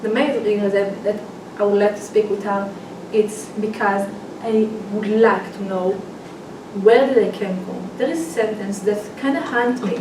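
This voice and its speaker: An Israeli woman, a public speaking student, rehearses a personal speech in a halting way, with restarts and non-native grammar slips. Her voice is medium-pitched and steady. The recording is roomy, with a distant mic and noisy background ambience.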